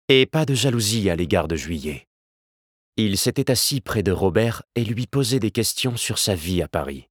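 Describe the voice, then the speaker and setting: A man narrates a novel in a measured, steady reading. His voice sits low, and the recording is close and dry with no room sound. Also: no room sound.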